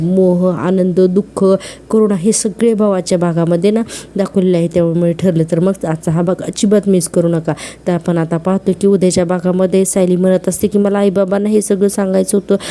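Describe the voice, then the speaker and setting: A woman's voice: on the low side, warm tone. A woman casually retelling a TV serial episode, quoting the characters in her own voice as she goes. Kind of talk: casual narrated recap.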